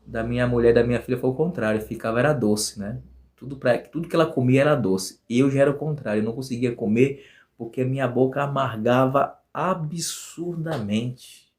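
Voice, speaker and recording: A man with a Bahian accent tells a personal story in an earnest, heartfelt way. He leans on repetition for emphasis and speaks at a medium pitch. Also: brisk, a little mellow. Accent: Bahian Portuguese. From Bahia, Brazil. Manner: earnest, repeats phrases for emphasis. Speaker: guest sharing a personal testimony.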